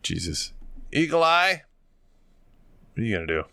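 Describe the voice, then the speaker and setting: A man's voice: mid-range voice, very animated, moderate pace, creaky, pushed and bright, dry recording. A man running a tabletop game as game master, narrating in a casual, rambling, sweary way.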